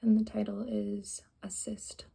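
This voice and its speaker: Whispering ASMR woman with a creaky voice. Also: medium pitch, little pitch movement, measured pace. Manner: whispering and very soft-spoken; rambling, self-correcting asides. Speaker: ASMR creator. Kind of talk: soft whispered ASMR reading and rambling. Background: faint music playing for plants, background hiss.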